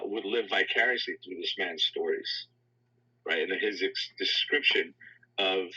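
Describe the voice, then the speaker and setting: A man hosting a live talk session, telling a motivational story in an earnest way and getting animated when he quotes people. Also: on the low side, husky. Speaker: host of a live audio room. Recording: dull lo-fi audio.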